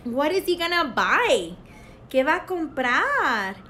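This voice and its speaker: Slow sing-song woman teaching a toddler. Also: sits high, sing-song, pushed and bright. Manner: slow, exaggerated, sing-song teacher talk, switching between two languages. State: dry throat, clearing it. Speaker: speech therapist. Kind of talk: bilingual speech lesson for a small child.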